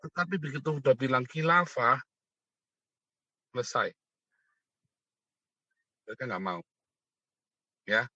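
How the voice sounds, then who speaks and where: Middle-aged man, a scornful rant host with a crisp, forceful tone. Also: mid-range voice, expressive, slow, pauses often, no echo, muffled recording, soft background music. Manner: mocking, provocative, keeps asking "ya kan?". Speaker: online commentator. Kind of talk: ranting monologue.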